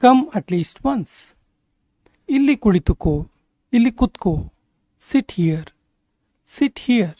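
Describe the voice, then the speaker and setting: A man teaching spoken English, saying each short sentence twice in a slow, deliberate way. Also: very high-pitched, animated, dark tone, no room sound, studio quality. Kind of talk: spoken language lesson.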